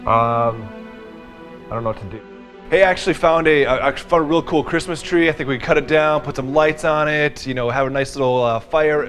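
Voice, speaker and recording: A man's voice: a little high, a bit bright, natural voice. A man playing a flustered stammering husband. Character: bumbling nervous husband, male, adult.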